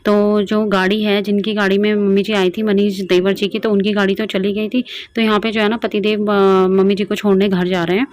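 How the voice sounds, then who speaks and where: A woman's voice: medium pitch, level tone, fairly quick, few pauses, a little mellow. A young woman from Garhwal in the hills of northern India, chatting through a home vlog with lots of fillers. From Garhwal, Uttarakhand. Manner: chatty, rambling, many fillers. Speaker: vlogger. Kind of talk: casual vlog narration. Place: home kitchen.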